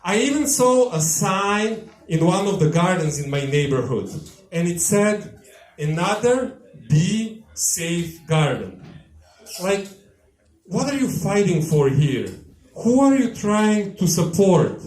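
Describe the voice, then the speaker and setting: A man from former Yugoslavia with a Yugoslav accent doing a live stand-up set on a small tavern stage, delivering dry, deadpan one-liners into a handheld mic. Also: sits high, measured pace. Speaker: stand-up comedian. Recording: echoey live bar room.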